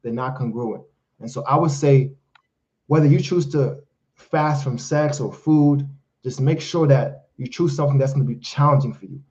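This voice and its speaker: A man, Haitian Creole his first language, runs a live-stream Q&A as a life coach, forcefully preaching motivational advice and calling people fellas and brother. His voice is mid-range and darkish at normal speed, with dull audio.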